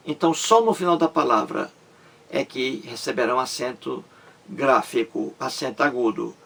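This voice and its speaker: A man teaching grammar, explaining slowly and repeating words and syllables as he checks that the listener follows. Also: medium pitch, vocal fry, a bit bright. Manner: slow and repetitive, stresses syllables, asks "entendeu?". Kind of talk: explanatory lesson.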